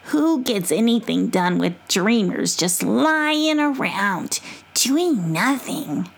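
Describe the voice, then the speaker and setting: Cranky mama possum, a lady putting her on, slow and raised up, breathy and a bit gravelly, storybook critter. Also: fairly high pitch, expressive, voice pushed up, heavily acted. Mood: suspicious. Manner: blunt, scolding, drawn-out. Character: grumpy suspicious mother possum.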